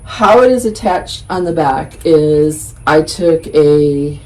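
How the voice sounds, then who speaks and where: A woman's voice: sits low, lively intonation, takes it slowly, a little mellow. A woman from Georgia, chatting casually through a home decorating vlog, a little out of breath, recorded outdoors on a front porch with birds chirping. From southern Georgia, USA. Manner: chatty, friendly walkthrough with small laughs.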